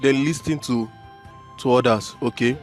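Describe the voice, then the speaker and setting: A man, a student in a group interview, easygoing and agreeable, pausing with fillers. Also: mid-range voice, steady tone, soft background music.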